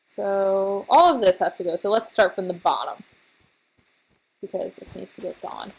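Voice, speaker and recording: A woman casually commenting on her own gameplay, tired and recovering from being sick, rambling and halting as she trails off and restarts her thoughts. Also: mid-range voice, expressive, creaky, breathy edge, poor audio. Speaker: let's play host.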